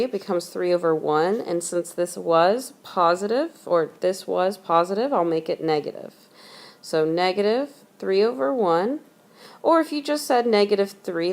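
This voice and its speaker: A woman with a lowish voice tutors math in a recorded lesson. She is patient and methodical, slowly repeating the key points so they can be written down.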